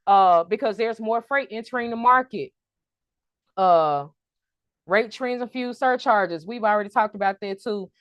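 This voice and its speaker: A woman giving an online trucking business workshop, lively and preacher-like, calling out to her audience for an amen. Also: medium pitch, a little slow, dry recording. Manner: energetic, preacher-like call and response.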